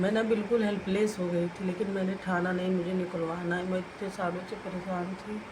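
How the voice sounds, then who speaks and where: A woman in her thirties talks through her day for a casual vlog. Her voice stays soft and unhurried, with very little rise and fall. Her pitch sits in a middling-to-low range. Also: noisy background. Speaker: vlogger and mother.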